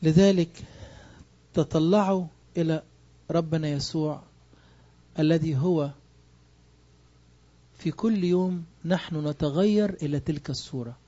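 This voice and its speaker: A man's voice: on the high side, a little slow, long pauses, dark tone, highs cut off. A man with an Egyptian Arabic accent preaching a sermon, emphatic and full of rhetorical questions. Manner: emphatic, asks rhetorical questions and answers them.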